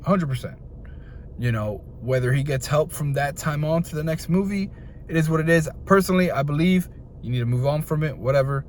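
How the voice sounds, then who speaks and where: Frustrated man ranting, somewhat high voice. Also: fairly quick, slight background noise. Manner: frustrated, animated, jumps between points. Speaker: video host. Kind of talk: ranting opinion video.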